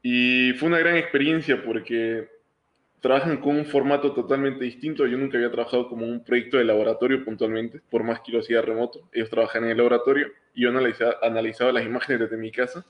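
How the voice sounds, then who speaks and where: A young man in his twenties from Honduras, a guest calling in remotely, explaining his work in a relaxed, step-by-step way. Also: medium pitch, fast talker, echoey room, highs cut off. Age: 20s. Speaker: guest, engineering student. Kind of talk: casual interview answers. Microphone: remote call.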